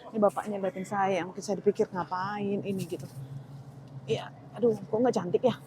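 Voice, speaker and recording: A young woman vlogger with a mellow, somewhat high voice chats casually while shopping indoors at a supermarket, thinking aloud and exclaiming at prices. The recording is rough, with slight background noise.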